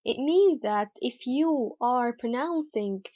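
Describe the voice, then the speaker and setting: Female pronunciation tutor, measured and deliberate, a touch high, lo-fi dry recording. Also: animated, no echo. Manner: carefully repeats model words for practice. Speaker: English pronunciation teacher. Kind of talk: slow, deliberate teaching explanation. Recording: dull, slightly lo-fi dry sound.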